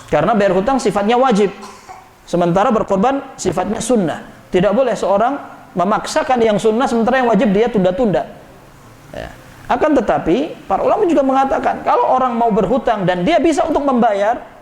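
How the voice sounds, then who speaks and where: High-voiced preacher. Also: male voice. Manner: lively, acts out quoted villagers and chants. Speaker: ustadz giving a mosque lecture. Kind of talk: sermon. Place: mosque. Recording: echoey mosque room.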